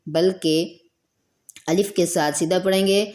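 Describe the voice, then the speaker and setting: A woman teaching recitation in a patient, explanatory way, going back over each point. Her voice sits a little low for a woman. She stretches the letter sounds out long to show how they should be said. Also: fairly even intonation, darkish tone. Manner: repeats points, draws out letter sounds as models.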